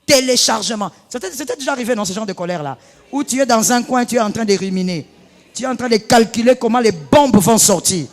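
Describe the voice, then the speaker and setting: A woman pastor preaching a sermon, moving from hushed tones to loud bursts. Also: fairly high pitch, lively intonation, fast. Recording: long reverb of a large hall.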